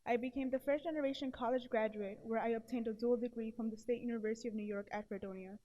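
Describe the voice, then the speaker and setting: The audio is dull, capturing a woman in her early twenties whose voice is a little high and steady in tone, with a quick pace. As an award presenter she earnestly gives a prepared testimonial to an audience, stuttering with blocks and repeated syllables.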